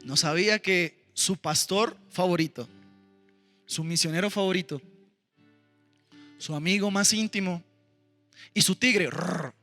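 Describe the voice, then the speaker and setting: Male missionary preacher, very high and piercing, animated storyteller; hall reverb, soft music under. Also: measured pace, long pauses. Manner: animated storytelling, calls on the congregation to respond. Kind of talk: sermon testimony. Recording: roomy hall with music behind.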